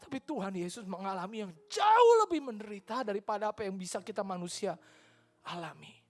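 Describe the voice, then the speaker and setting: A woman with an Indonesian accent giving an earnest personal testimony in church, switching between Indonesian and English and sinking into soft near-whispers. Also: mid-range voice, expressive, a little fast, faint music behind.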